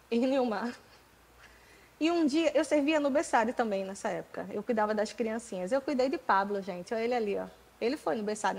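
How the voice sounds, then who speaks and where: A woman in her forties with a Brazilian accent, preaching in church, telling her own story with jokes and loud emphatic bursts. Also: on the high side, poor audio. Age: 40s. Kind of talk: sermon with personal testimony.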